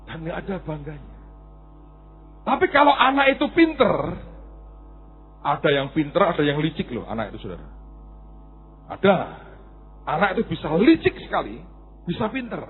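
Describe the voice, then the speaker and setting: Middle-aged pastor preaching, high husky voice that swoops all over, tinny phone sound. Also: male voice, moderate pace, long pauses, faint music behind. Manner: animated, acts out stories and voices. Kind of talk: sermon.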